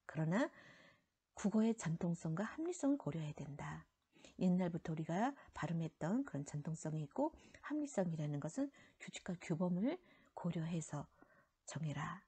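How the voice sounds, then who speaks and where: A woman walks middle schoolers through grammar rules one step at a time in a recorded lecture, sometimes fading to a near whisper as phrases end. She speaks at a moderate pace in a lowish, warm voice with big pitch swings and a breathy edge.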